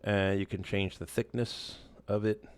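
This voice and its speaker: A man walking through a software tool in a casual screen-share tutorial, loose and relaxed, with many fillers and restarts. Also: on the low side, a little slow, dry recording. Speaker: instructor.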